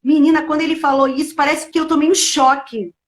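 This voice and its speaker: A middle-aged woman pastor, sharing a heartfelt personal testimony in a casual chat and at times rising almost to a shout. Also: high-pitched, fairly even intonation, quick pace. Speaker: pastor hosting a live show.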